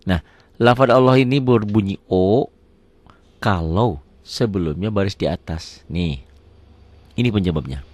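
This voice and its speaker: A man's voice: sits low, lively intonation, a little slow, pauses often, darkish tone, no echo. A middle-aged man teaching a Quran recitation lesson, patiently repeating words aloud and asking questions he answers himself. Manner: asks the class questions and answers them himself. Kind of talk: tajwid lesson.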